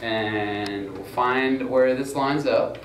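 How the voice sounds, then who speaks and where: Taking it slowly in a mid-range voice, a young student crew presenter explains gear in a roomy space. His casual how-to demonstration is informal and loose, heavy on fillers and "gonna go ahead." The audio is roomy, noisy and recorded far from the mic.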